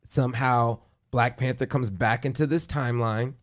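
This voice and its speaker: Guy hosting a podcast, mid pitch, gets hyped and talks in bursts. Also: normal speed. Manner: excited, talks in bursts with restarts. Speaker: podcast host. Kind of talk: casual chat.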